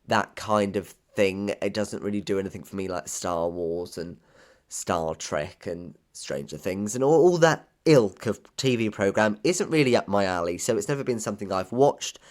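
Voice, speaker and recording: A young man with a slight lisp hosting a casual theatre news show, chatty and opinionated with self-deprecating asides. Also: on the low side. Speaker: theatre news podcast host. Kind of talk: casual solo news chat.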